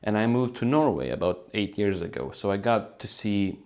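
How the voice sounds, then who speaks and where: Young guy from bosnia, really low voice, thinking out loud slow with lots of ums, home video. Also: sing-song. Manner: thoughtful, halting, with many fillers and restarts. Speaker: author and video host. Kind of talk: reflective solo talk to camera. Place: room at home by a sunny window.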